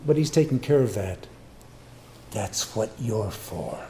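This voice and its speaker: A male pastor preaching a sermon, repeating phrases for emphasis and swinging between loud stresses and hushed near-whispers. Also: lowish voice, lively intonation, takes it slowly, a little hiss or hum.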